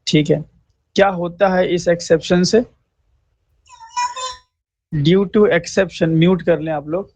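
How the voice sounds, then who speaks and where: A man teaching a programming lesson, who speaks slowly and repeats points, often checks in with listeners and mixes English terms into his Hindi. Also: sits high, fairly even intonation, darkish tone, no room sound. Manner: slow, repetitive, checks in with "thik hai" often; clears throat now and then. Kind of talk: screen-recorded coding lesson. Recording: dry, slightly dull mic.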